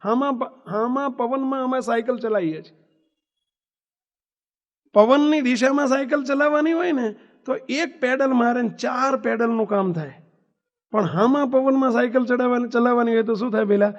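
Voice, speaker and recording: A man's voice: very high voice, moderate pace. A man with a Gujarati accent, a swami giving a sermon to young people, preaching, asking the crowd questions and telling stories. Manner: preachy, asks the audience questions, tells anecdotes. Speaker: swami giving a discourse to youth. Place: hall at a religious gathering. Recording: dull reverberant hall recording.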